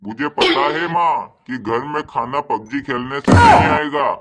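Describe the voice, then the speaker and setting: A man's voice: on the high side, wildly swooping pitch, unhurried, heavily acted. A man voicing a lazy young son who would rather play games. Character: lazy young son, dreamy mobile gamer. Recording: loud hiss behind the voice.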